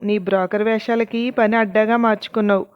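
A woman's voice: medium pitch, steady tone, fairly quick, smooth, muffled recording, natural voice. A woman voicing a blunt, defiant male mason who fires back taunting retorts in a told story.

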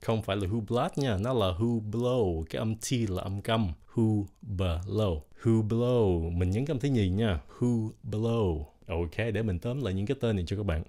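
A man gives a casual spoken lesson. He breaks each word into syllables and repeats them slowly and very distinctly. His tone stays plain and patient, like a teacher drilling pronunciation. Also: on the low side, warm tone. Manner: slow, over-enunciated, repeats words syllable by syllable.

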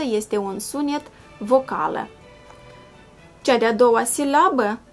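A patient woman teacher with a fairly high voice talks young pupils through a reading lesson, breaking each word into syllables and sounds. Her voice-over sits over quiet background music. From Moldova. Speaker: primary school teacher. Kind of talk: slow, clear classroom video lesson.

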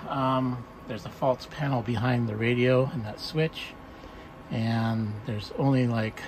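A man filming a walk-through of his camper trailer on a handheld phone, explaining things in a plain, halting way with many ums and restarts. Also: medium pitch, background noise. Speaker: camper owner showing a solar install. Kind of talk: casual walk-through narration. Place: outdoors and inside a small camper trailer.

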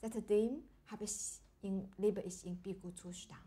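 A woman in her forties from China, a qigong teacher speaking halting German with many fillers in an interview. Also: medium pitch, steady tone, warm tone. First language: Chinese. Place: indoor room with large windows. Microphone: lapel.

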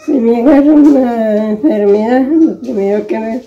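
A woman's voice: on the high side, normal speed, roomy sound. A frail great-grandmother over a hundred years old with a rural Nicaraguan accent, recounting her life and repeating herself as she goes. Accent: rural Nicaraguan Spanish. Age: over 100, very old. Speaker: interviewee. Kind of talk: recounting life memories in conversation. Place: small brick room at home. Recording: dull lo-fi phone video sound.

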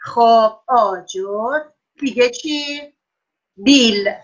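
A woman teaching a class of young children over a video call, praising them often and drawing out words slowly so they can write them down. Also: a little high, lo-fi sound. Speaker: primary school teacher.

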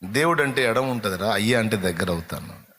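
A man preaching a sermon, passionately asking the congregation rhetorical questions and now and then breaking into slow sung hymn lines. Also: on the low side, animated, a bit bright. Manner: addresses listeners directly with rhetorical questions.

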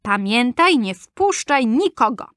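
A woman voicing a group of small, cheerful male dwarves in a storybook reading, with high, drawn-out, wondering questions. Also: very animated, a bit bright, dry recording, studio quality, exaggerated voice. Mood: kindly.

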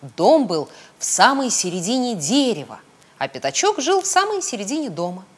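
Storybook narrator: woman with a slightly husky voice and a lively, swooping delivery. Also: fairly high pitch, moderate pace. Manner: expressive, sing-song storytelling. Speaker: storybook reader. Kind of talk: children's audiobook narration.

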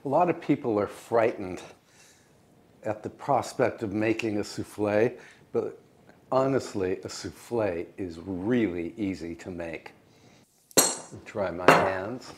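Slow, low-voiced older American man cooking. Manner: calm, precise, gently encouraging. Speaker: cooking show host. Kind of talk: step-by-step cooking demonstration. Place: home kitchen, indoors. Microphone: lapel mic.

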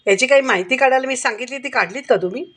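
A woman's voice: high-pitched, rapid-fire, a bit bright. A woman voicing a stern male police inspector who fires probing questions in a storybook reading.

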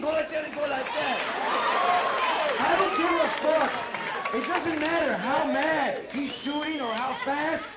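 A middle-aged man doing a loud, profane, rambling stand-up set on a club stage, shouting his punchlines. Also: very high voice. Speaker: stand-up comedian. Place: comedy club stage with a laughing audience. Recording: echoey live room, loud crowd noise.

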